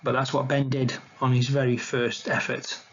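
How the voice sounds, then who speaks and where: A man's voice: medium pitch, flat delivery, normal speed, muffled recording, slight background noise. A man giving an illustrated talk on wildlife to slides, in an informal, conversational way. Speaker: wildlife educator presenting a talk.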